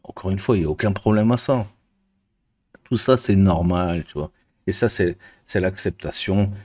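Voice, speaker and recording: A man's voice: deep voice, normal speed, a little mellow. A man ranting casually to camera as a vlogger, crude and exasperated, with constant fillers. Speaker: YouTuber and business coach.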